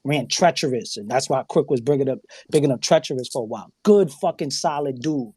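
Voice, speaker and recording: A man's voice: medium pitch, fairly quick, darkish tone, breathy edge, dry recording. A man on a podcast telling stories in a casual, profane way, acting out quoted dialogue and laughing often. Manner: profane, emphatic. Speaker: guest on a podcast.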